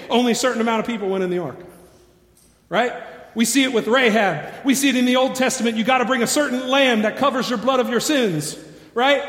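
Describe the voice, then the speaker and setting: A pastor preaching a sermon in a church, moving from low and quiet to shouting and urgent. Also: male voice. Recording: echoey church hall.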